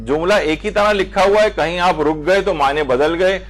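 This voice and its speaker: A man with a Pakistani Urdu accent, his voice sitting a little high for a man, teaches a religious class. He explains each point patiently and slows right down when he recites short Arabic phrases to show how the vowels change. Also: a bit bright. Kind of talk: lecture on Islamic jurisprudence.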